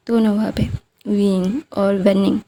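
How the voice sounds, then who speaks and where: A woman retells a fan story in a casual, chatty way, stringing it along with fillers. Her voice is gravelly and mellow. Now and then she sinks to a hushed near-whisper. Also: medium pitch, flat delivery, measured pace. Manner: chatty, loose, lots of fillers, drops to a near-whisper for tense parts.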